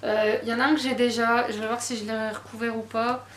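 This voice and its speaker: A woman's voice: fairly high pitch, little pitch movement, fairly quick, fairly bright tone, echoey room, slight background noise. A woman chatting casually about her latest book purchases, self-deprecating and full of fillers. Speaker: book vlogger. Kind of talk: casual book haul chat.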